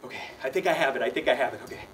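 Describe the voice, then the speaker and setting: A man's voice: mid-range voice, animated, racing, a bit bright, far from the mic, slight background noise, poor audio. A young adult man performing a children's magic show, with playful, mock-flustered showman patter aimed at the kids.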